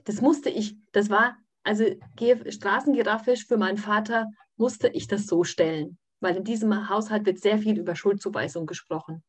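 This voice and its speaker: Husky-voiced woman telling a personal story. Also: medium pitch, steady tone, normal speed, hardly any pauses. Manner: hesitant, many fillers and restarts. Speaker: course participant.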